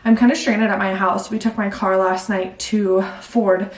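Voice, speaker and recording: A woman's voice: mid-range voice, fairly even intonation, moderate pace. A young woman vlogging at home, breathless, chatting casually and rambling, laughing at herself. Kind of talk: casual chat to camera. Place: at home indoors. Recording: roomy echo, mic at a distance.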